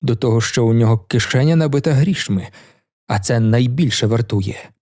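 A man reading a novel aloud, voicing a bitter, wounded young poet who speaks in a muffled, rough way. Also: mid-range voice, normal speed, a little mellow, no echo, clean studio sound, close to an everyday voice. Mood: spiteful.

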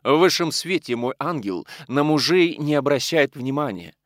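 A man's voice: fairly high pitch, expressive, normal speed, dry recording, studio quality, voice pushed up, natural voice. A man voicing a vain, coquettish old colonel's widow who speaks grandly and condescendingly. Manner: affected and condescending.

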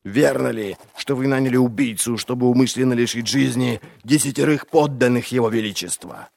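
A man voicing a stern crippled male inquisitor who questions prisoners slowly and coldly. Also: mid-range voice, gravelly, darkish tone, no room sound, lightly acted. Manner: slow, cold, deliberate questioning.

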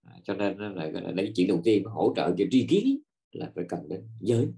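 A man's voice: low voice, big pitch swings, fairly quick, mellow. A middle-aged man, a Buddhist monk, giving a dharma talk to a live audience, digressive and full of fillers and restarts.

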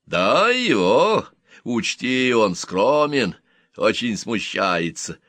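A man's voice: mid-range voice, sing-song, very slow, a bit bright, no echo, exaggerated voice. A man reading an audiobook, voicing a brash, joking young man who teases his friend. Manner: joking, pushy. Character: brash, mocking young man, a carefree rogue.

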